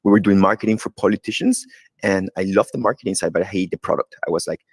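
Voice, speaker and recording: A man from Ecuador telling his story as an interview guest, relaxed and rambling. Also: sits low, fast, breathy edge, no room sound. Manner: relaxed, rambling with many fillers. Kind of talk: casual interview talk.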